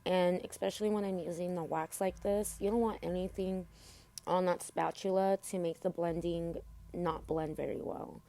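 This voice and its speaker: A woman narrates a tutorial in a casual, chatty way. Her voice sits slightly low, with a dark, relaxed tone. She speaks with braces in her mouth and addresses her viewers informally. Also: moderate pace. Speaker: makeup tutorial host.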